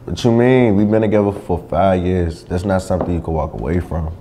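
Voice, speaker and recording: A man's voice: sits low, steady tone, fairly quick, background noise, natural voice. An actor playing a conflicted young man in a long relationship, talking in casual slang. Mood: weary. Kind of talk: web drama acting.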